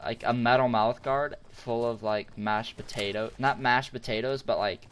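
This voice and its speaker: A man's voice: medium pitch, fairly even intonation, moderate pace, fairly bright tone, slight background noise. A young man chatting casually while gaming, rambling and thinking aloud. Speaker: gamer.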